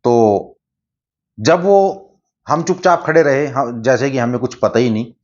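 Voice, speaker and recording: A man's voice: mid-range voice, measured pace, a little mellow. A man casually telling a story he dreamed, talking plainly and checking in with his listeners often. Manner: plain conversational, many "theek hai" asides. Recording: slightly dull lo-fi recording.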